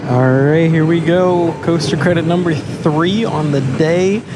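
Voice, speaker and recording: A man's voice: measured pace, loud music behind the voice. A man giving live, exclamatory on-ride commentary as a roller coaster vlogger outdoors. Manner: excitable, exclamatory, whooping. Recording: loud ride and wind noise. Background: roller coaster rumble and ride noise.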